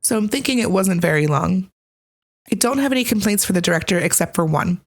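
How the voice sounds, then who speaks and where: A woman's voice: on the low side, lively intonation, brisk. A woman hosting a scripted game review, with a conversational, opinionated delivery. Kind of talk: scripted video review narration.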